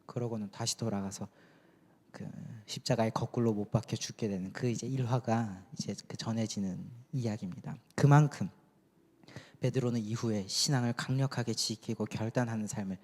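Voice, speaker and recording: In a church sanctuary, a youth pastor preaches a sermon with a lowish, somewhat dark voice at a normal pace. He talks conversationally and poses questions to the congregation, and the recording carries a long church-hall reverb.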